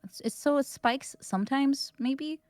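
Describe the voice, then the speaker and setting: A woman's voice: high-pitched, unhurried, darkish tone, no echo. A woman hosting a casual chat stream, laughing often and restarting her sentences. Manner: giggly, with many laughs and restarts. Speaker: host.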